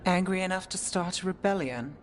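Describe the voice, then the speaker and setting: An actress playing a sharp, analytical female companion in a video game. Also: fairly low pitch, brisk, slight background noise, close to an everyday voice.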